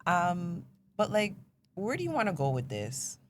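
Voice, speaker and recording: Playful woman host, lively low voice. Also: measured pace. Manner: playful, laughing, asks questions. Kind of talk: casual interview. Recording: faint background noise.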